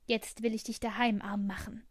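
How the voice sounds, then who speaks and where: A woman voicing a bold, vengeful little male sparrow that shouts its threats in a storybook reading. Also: on the high side, level tone, moderate pace, no echo, close to an everyday voice. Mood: defiant.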